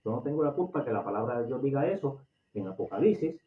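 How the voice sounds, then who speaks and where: A man's voice: mid-range voice, expressive, fast. A man from Puerto Rico with a Puerto Rican accent, preaching a sermon with passion, often repeating and restarting his phrases. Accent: Puerto Rican Spanish. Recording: echoey, distant, phone-like audio.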